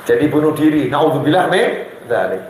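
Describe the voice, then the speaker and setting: A man delivers a sermon with a somewhat high voice. He preaches in an animated way and acts out little scenes in shifting voices. The sound rings with heavy room echo. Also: moderate pace. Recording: very echoey room.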